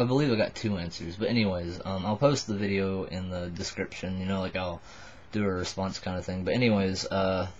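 A man in his twenties, a little drunk, giving a halting, rambling, casual confessional to the camera. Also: low voice. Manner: tipsy, buzzed, halting and rambling. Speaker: vlogger addressing subscribers. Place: small wood-panelled bedroom indoors. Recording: dull lo-fi webcam audio.

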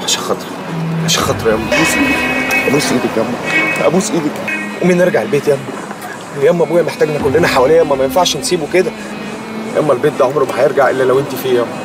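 An actor playing a rapid-talking pleading son. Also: male voice, mid-range voice, natural voice. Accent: Egyptian Arabic. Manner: pleading, insistent. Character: young man begging his mother to come home. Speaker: son pleading with his mother. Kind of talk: Egyptian TV drama acting. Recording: music under the scene.

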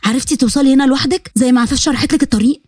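A woman voicing a nosy, sharp-tongued middle-aged mother with an Egyptian Arabic accent. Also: sits high, very fast, husky, no room sound, clean studio sound. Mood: prying. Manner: prying, sharp.

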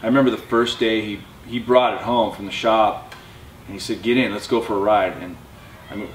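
A man's voice: fairly low pitch, fairly even intonation, fairly quick, a little hiss or hum. A man who builds wheels, reminiscing in an easygoing way full of "you know" about his father's trucks. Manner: easygoing, filler-heavy. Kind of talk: casual interview recollection. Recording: distant mic, roomy echo.

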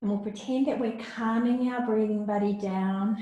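Gentle woman in a very echoey room. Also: fairly high pitch, fairly even intonation, moderate pace, muffled recording. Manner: soft, encouraging, coaxing; breathy audible sighs during breathing exercises. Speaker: children's yoga teacher. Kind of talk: gentle guided yoga lesson for children.

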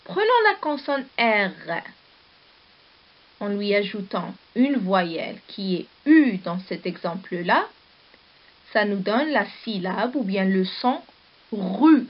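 A woman teacher giving a slow, deliberate lesson, spelling out letters and syllables one at a time. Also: medium pitch, big pitch swings. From Morocco. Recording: dull lo-fi video recording.

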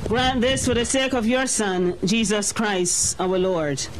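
A man officiating at a burial, reading a committal liturgy slowly and solemnly outdoors at the graveside. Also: high voice, noisy background. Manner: slow, measured, solemn recitation.

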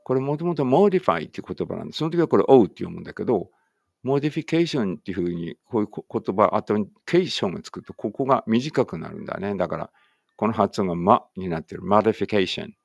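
A man's voice: lowish voice, big pitch swings, creaky, no room sound, studio quality. A male English teacher whose first language is Japanese reads a vocabulary list aloud word by word, dropping casual explanations between items. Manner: deliberate word-by-word drill reading with chatty asides.

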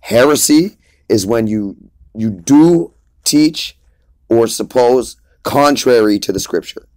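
A man's voice: medium pitch, animated, takes it slowly, darkish tone, no echo. A man preaching informally in an emphatic, lecturing way, often repeating his points.

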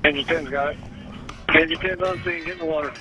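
A man's voice: fairly high pitch, steady tone, quick pace. A man working as a firefighter, giving brief, procedural fireground reports. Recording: noisy fireground radio traffic.

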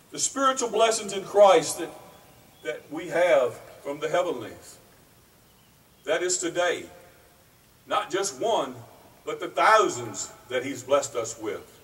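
A middle-aged man preaching a sermon at an outdoor pulpit beside a brick church, speaking slowly and earnestly with pauses, picked up by a distant camera microphone. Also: a little high, a bit bright. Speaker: pastor. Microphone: far camera, at a wooden pulpit. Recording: distant outdoor mic, faint noise.

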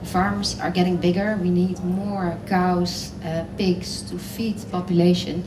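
A woman speaks on a panel in a large hall, her fairly low voice carrying with a roomy echo. She talks earnestly and pauses with fillers, picked up from a distance with audible background noise. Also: flat delivery. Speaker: panellist designer. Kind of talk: panel talk on stage. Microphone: headset.

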